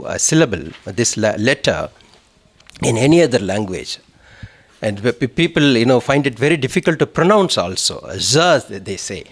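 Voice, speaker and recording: Animated man. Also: medium pitch. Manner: animated, many fillers and restarts. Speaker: conference speaker. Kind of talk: lecture on Tamil literature.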